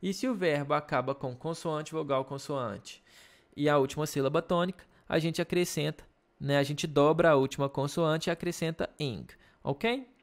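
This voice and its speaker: A young man with a Brazilian Portuguese accent teaching an English grammar video lesson, explaining patiently and checking in often. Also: a little high. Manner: slow, patient explaining with frequent check-ins.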